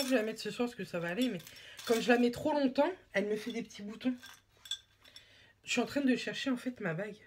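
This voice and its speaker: A woman's voice: medium pitch, noisy background. A young woman from France chatting casually and rambling with self-mockery while doing her makeup at home. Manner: rambling, self-mocking, slangy. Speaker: beauty vlogger.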